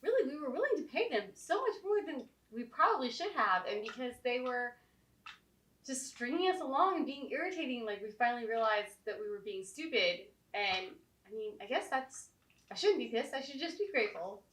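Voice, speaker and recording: A woman vlogging casually at home, talking in halting, restarting phrases with a slight lisp from new teeth aligners. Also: fairly high pitch, very animated, a bit bright. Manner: halting, frustrated, many restarts. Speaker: vlogger, co-host of a sailing channel. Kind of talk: casual chat to camera. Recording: echoey room, distant mic, faint music.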